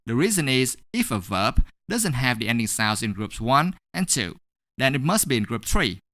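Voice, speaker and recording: A man teaching English pronunciation in a scripted online lesson, speaking slowly and deliberately and repeating each word for drilling. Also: mid-range voice, big pitch swings, fairly bright tone, no room sound, studio quality.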